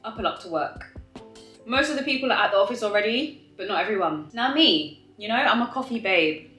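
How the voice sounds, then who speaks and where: A young woman telling a story to viewers in a casual, animated, emphatic way, with exasperated rhetorical questions and drawn-out words. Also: medium pitch, echoey room, faint music behind. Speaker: storytime vlogger eating on camera.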